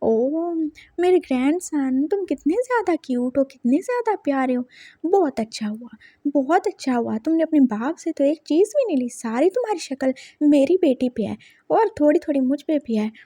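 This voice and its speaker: A woman voicing a wealthy, lonely old grandfather who is gruff and emotional in a spoken story. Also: sits high, big pitch swings, moderate pace, dark tone, dry recording. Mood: overjoyed. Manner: scolding then doting.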